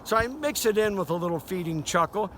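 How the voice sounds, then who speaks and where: Older man, raised pitch, folksy instructor, casual outdoor lesson, noisy open-air recording. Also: lively intonation, brisk. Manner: folksy, conversational. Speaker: duck calling instructor. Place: outdoors by a river. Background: outdoor noise, duck call quacks.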